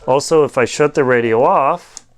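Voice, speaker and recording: A man reviews a product casually and without a script, thinking aloud in a halting way as he demonstrates it. His voice is medium-pitched, and the recording is very noisy.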